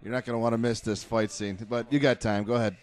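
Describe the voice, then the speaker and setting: A man co-hosting a casual film commentary, laughing often and breaking into loud outbursts. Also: mid-range voice, steady tone, fast. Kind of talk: casual audio commentary chat.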